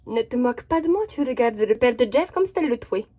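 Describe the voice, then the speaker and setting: A lady doing a nosy old granny, slow and probing, voice sits a bit high. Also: animated, warm tone, slight background noise, lightly acted. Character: caring grandmother, older woman, suspicious.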